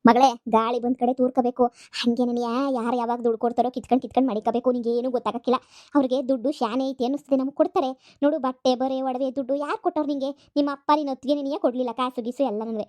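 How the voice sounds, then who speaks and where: A woman's voice: high-pitched, steady tone, fast talker, mellow, close to an everyday voice. A woman voicing a scheming, greedy mother in a cartoon comedy, nagging and wheedling. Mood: coaxing. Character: scheming greedy rural mother, middle-aged.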